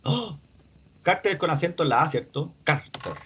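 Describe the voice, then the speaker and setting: A man's voice: on the high side, lively intonation, normal speed, fairly bright tone, a little hiss or hum. Man teaching a mechanics class. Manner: explanatory, asks questions to students. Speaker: instructor. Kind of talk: online class lecture. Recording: dull lo-fi audio.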